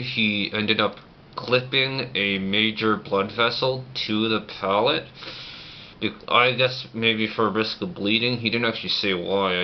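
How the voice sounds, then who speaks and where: Low-voiced man talking through banded-shut jaw. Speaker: vlogger. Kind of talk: casual personal vlog chat. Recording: muffled lo-fi audio, clear background noise.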